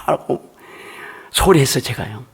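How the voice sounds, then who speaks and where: A man's voice: medium pitch, animated, unhurried, gravelly, slightly rough. An older man, a pastor, preaching a sermon in a church in a conversational, emphatic storytelling way.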